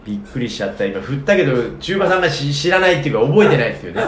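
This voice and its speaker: Quick, lively Japanese man joking around. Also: mid-range voice. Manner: jokey, animated, laughs often. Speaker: podcast host. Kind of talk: casual chat. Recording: echoey room with faint background noise.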